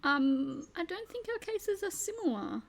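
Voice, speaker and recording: A woman reading the part of a wary young office worker, hesitant and quietly objecting, in a comedic table read. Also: very high-pitched, sing-song, unhurried, gravelly, full character voice.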